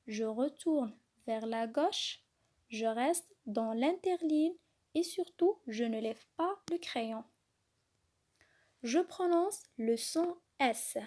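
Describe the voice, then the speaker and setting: A woman gives a reading lesson for small children, sounding out each letter and syllable with great patience. Her voice is mellow and a little high, and she speaks very slowly. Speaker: kindergarten teacher. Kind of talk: slow, clearly articulated reading lesson for young children.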